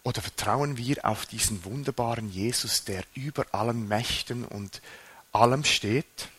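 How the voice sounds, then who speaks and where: A man preaching a sermon, animated, his voice rising and dropping sharply for emphasis. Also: medium pitch, measured pace, slightly rough.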